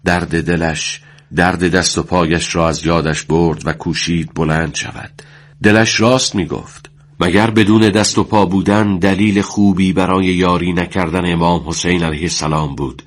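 A man with a very deep voice reading a war story aloud. His delivery is solemn and measured, the steady pace of a practiced storyteller. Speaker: narrator.

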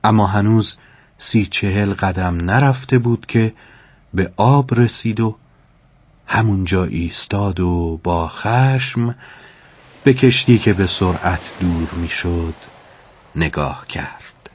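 A man narrating a storybook tale in a calm, measured way with dramatic pauses. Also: deep voice, husky.

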